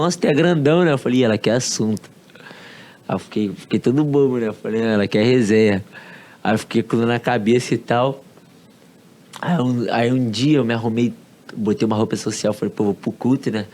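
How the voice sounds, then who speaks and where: A man's voice: medium pitch, darkish tone. Male podcast guest, Carioca accent, easygoing slangy storyteller who acts out quotes. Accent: Carioca Brazilian Portuguese. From Rio de Janeiro, Brazil. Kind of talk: casual storytelling.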